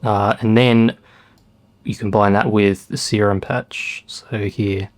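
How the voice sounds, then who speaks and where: A man casually explaining how he produced a track, relaxed and self-deprecating, with lots of fillers. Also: fairly low pitch, takes it slowly, no room sound. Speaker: music producer.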